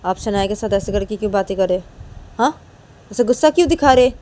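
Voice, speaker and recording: A woman's voice: medium pitch, animated, fast, mellow, slight background noise, voice pushed up, close to an everyday voice. A woman voicing a defiant young woman who insistently repeats her warnings to her mother.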